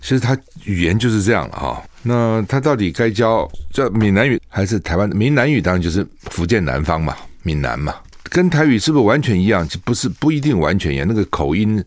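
A man's voice: lowish voice, sing-song, a little fast, few pauses, dry recording. A man from Taiwan, hosting a radio talk show and arguing his point with one rhetorical question after another. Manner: argumentative, keeps asking rhetorical questions. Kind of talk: opinionated radio commentary. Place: radio studio.

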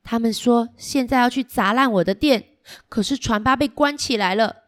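Woman as an earnest, high-pitched little bug hero. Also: normal speed, lightly acted. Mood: worried, then resolved. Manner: urgent, earnest, appealing to the children. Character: earnest little insect shopkeeper hero, male, rallying others. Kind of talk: picture-book read-aloud to small children.

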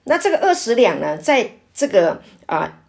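A middle-aged woman pastor teaching a Bible study in an earnest, personal way, often pausing on "ah" fillers. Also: on the high side, big pitch swings, gravelly, a little mellow. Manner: earnest, filler-heavy with frequent "ah", testimony-driven.

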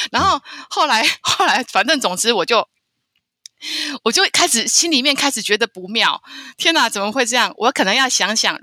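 A woman from Taiwan, telling a travel story as a podcast guest in an animated way, often stammering and repeating words. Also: on the high side, no room sound, clean studio sound. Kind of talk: casual storytelling interview.

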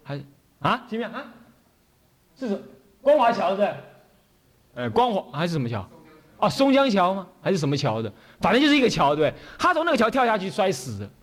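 A man's voice: high voice, huge pitch swings, fast, pauses often. A man with a Taiwanese Mandarin accent, a Buddhist abbot telling stories in a sermon, acting out the characters and often asking the audience to agree. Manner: acts out characters' voices while telling stories. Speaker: Buddhist abbot giving a dharma talk. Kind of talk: storytelling sermon.

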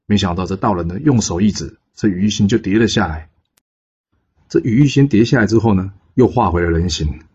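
Deep, husky male storyteller. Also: brisk, darkish tone, highs cut off. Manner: chatty, asks the listener questions, fillers 呢. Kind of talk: casual storytelling of a folk legend.

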